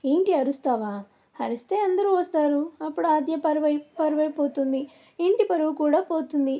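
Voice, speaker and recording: A woman voicing a scheming, pushy young married man who talks in a loud, insistent way. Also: high voice, normal speed. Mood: coaxing. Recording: dull lo-fi recording.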